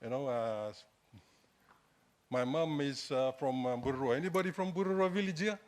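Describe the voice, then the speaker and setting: A man's voice: mid-range voice, moderate pace. A middle-aged man with a Fijian accent speaks to an audience in a hesitant, self-deprecating, conversational way. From Fiji. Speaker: guest speaker, entrepreneur. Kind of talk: informal public talk to an audience. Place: indoor hall, standing at a lectern.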